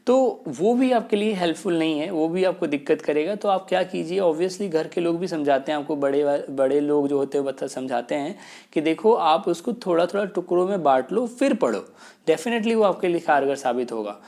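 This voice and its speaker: Male teacher, patient and explanatory, casual talk-to-camera delivery, slows down for key points. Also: on the high side, expressive, creaky, a little mellow. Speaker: English teacher. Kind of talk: casual spoken lesson, mixing Hindi and English.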